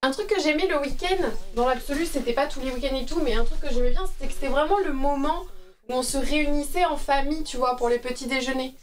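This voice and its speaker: A woman's voice: high-pitched, fast talker, far from the mic. A tired woman in her thirties, a streamer chatting casually and rambling with lots of fillers while doing yoga at home. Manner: chatty and rambling, many fillers and asides to viewers. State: tired from night feedings. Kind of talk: casual live-stream chat.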